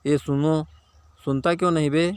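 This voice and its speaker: A man's voice: a little high, steady tone, moderate pace, clean tone, no room sound, pitched above the performer's own voice, natural voice. A man voicing a lazy, gluttonous fat village man who scolds and grumbles at everyone. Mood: grumbling, bossy.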